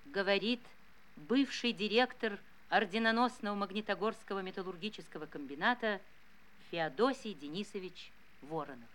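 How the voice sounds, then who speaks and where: A woman narrating a scripted documentary gravely and expressively, letting phrases sink softly at the end. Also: medium pitch, normal speed, poor audio.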